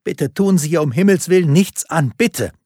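A man voicing a frightened mother who pleads and struggles to stay calm. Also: mid-range voice, moderate pace, slightly rough, no room sound, clean studio sound, voice pushed up. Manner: pleading, panicked.

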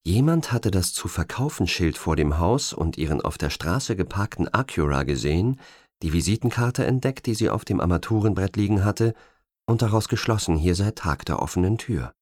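A man reading an audiobook thriller with expressive, suspenseful narration. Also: low-pitched, moderate pace, no echo, clean studio sound. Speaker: audiobook reader.

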